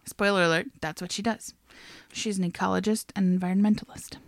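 A woman's voice: medium pitch, steady tone, fairly quick, no echo, clean studio sound. A young woman co-hosting a podcast, casually retelling a life story with frequent laughs and swearing. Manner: laughs often, swears, chatty. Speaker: podcast co-host. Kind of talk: casual chat, telling a biography.

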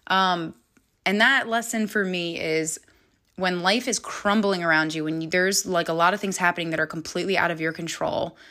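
Woman podcast host rambling through her week, bright tone, lowish voice, lots of ums and laughs. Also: fairly even intonation, moderate pace. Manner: chatty, candid, laughs often, many fillers. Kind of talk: casual personal storytelling.

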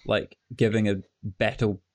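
A man chatting casually on a podcast, animated, repeating phrases as he builds a point. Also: lowish voice, a little slow, slight background noise. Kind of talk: casual chat.

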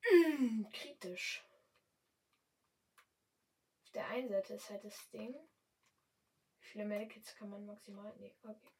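A young woman speaking standard German, chatting casually and excitably while commentating her gameplay. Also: mid-range voice, unhurried, long pauses, distant mic, rough recording. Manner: chatty, excitable, yelps and exclaims often. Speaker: gamer streamer.

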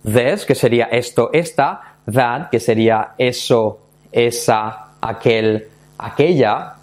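A man from Spain with a Spain Spanish accent, teaching English in a casual online lesson, lively and playful, repeating words in mock English accents. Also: medium pitch, takes it slowly.

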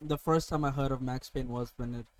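A man's voice: medium pitch, steady tone, brisk, a little mellow, no echo. A man hosting a podcast, chatting casually and telling stories with plenty of swearing. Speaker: podcast host. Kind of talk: casual chat.

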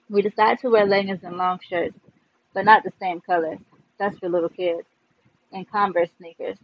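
High-voiced man reading a novel aloud. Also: dull audio. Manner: warm sign-off, casual asides. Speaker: book reader.

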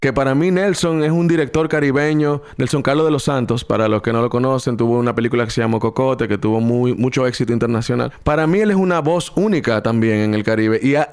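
A man's voice: medium pitch, darkish tone, smooth. A man, a film producer, talking enthusiastically in a casual podcast chat and often restarting mid-sentence.

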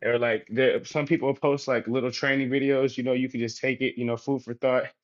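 A man's voice: mid-range voice, a little fast. Easygoing man, dull lo-fi audio. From United States. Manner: relaxed, rambling, many fillers like "you know". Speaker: guest, professional basketball player. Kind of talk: casual interview talk.

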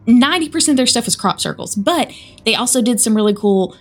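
A woman's voice: a little high, lively intonation, quick pace. A woman with a Southern American accent, co-hosting a podcast and chattily retelling a spooky story. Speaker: podcast co-host. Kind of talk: casual storytelling chat.

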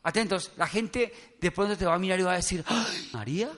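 Brief male pastor, lively sermon, high bright voice, playful. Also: fast. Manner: animated, acts out Bible scenes with funny voices.

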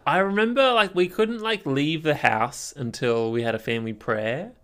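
A man's voice: fairly high pitch, moderate pace, a bit bright. A man co-hosting a podcast, chatting casually, full of fillers and often ending with "right?". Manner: chatty, filler-heavy, ends lines with "right?". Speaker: podcast co-host. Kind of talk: casual chat.

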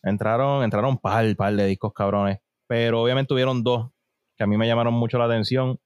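A man co-hosting a podcast, recorded dry and close with no room sound. His voice sits at a middle pitch, and he jokes around and drops English slang. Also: fairly even intonation, brisk, smooth, no room sound. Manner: joking, switches into English slang. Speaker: podcast co-host. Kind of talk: casual chat.

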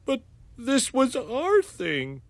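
A man's voice: very high voice, huge pitch swings, very slow, gravelly, no room sound, exaggerated voice. A man voicing a dim, boisterous middle-aged cartoon dad with a goofy, eager manner that turns whiny when he is let down. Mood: deflated.

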